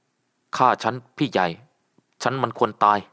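A man's voice: normal speed, a bit bright, lightly acted. A man voicing a loyal young man who stammers and pleads, in a storybook reading. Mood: pleading.

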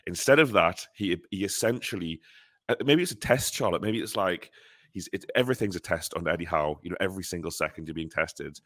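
A man co-hosting a fan podcast in casual, animated chat, joking and swearing now and then. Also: deep voice, fairly quick, no room sound, studio quality. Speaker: podcast co-host.

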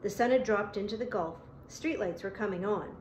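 A woman narrating a novel as an audiobook, in a steady, measured storytelling manner. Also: medium pitch, a little hiss or hum. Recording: roomy echo.

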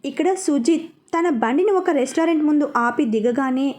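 A woman's voice: high voice, normal speed. A woman narrating a serialized story, reading every part expressively. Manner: expressive, lively reading of all parts.

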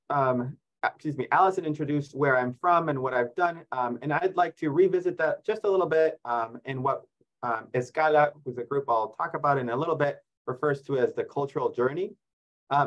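Here a fairly high-pitched male voice comes through a muffled video-call recording. The speaker, an Ecuador-born fisheries biologist in his 40s, is a guest presenting a seminar. He explains things in a friendly way and pokes a little fun at himself.

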